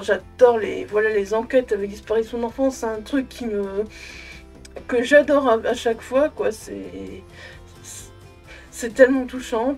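A young woman with a high voice talks casually to camera in a room at home. She is effusive but halting, often doubling back to repeat a word or phrase. Faint music sits behind her voice. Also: vocal fry, a little mellow. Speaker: book vlogger. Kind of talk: casual chat, book review to camera. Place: small room at home with bookshelves.

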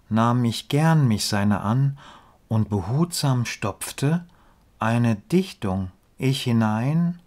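A man reading his own humorous poems in a slow, measured way, letting line ends drop low and quiet, with dry spoken asides between them.

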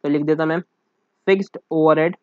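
Here a high-voiced man teaches accounts in a casual class, speaking briskly with a steady tone. This commerce teacher works sums aloud in mixed Hindi and English, keeps saying "sir," and asks check questions. The dry, muffled, dull recording has no echo.

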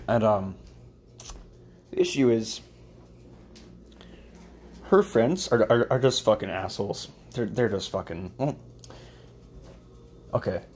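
A man's voice: lowish voice, expressive, takes it slowly, long pauses, darkish tone, slight background noise. Mumbling, swearing young man. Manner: crude, swearing, mumbling, offhand. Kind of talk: rambling casual vlog while cooking. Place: home kitchen, indoors. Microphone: phone camera held and moved around.

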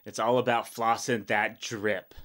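A man's voice: lowish voice, little pitch movement, measured pace, fairly bright tone. A man in his fifties hosting a reaction video, talking bluntly and rambling in a casual way with many fillers. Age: 50s.

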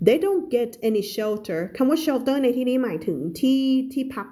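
Woman English teacher, live reading lesson, slow pace, repeats words to drill pronunciation. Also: a little high, expressive, warm tone. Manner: explains word by word, repeats words for stress and sounds.

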